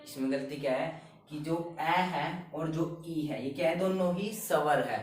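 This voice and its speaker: A man's voice: on the high side, measured pace, soft background music. A man teaching Hindi grammar, explaining spelling in a classroom style and keeping up a string of questions he answers himself. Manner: repetitive, keeps asking and answering his own questions. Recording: very echoey room, distant mic.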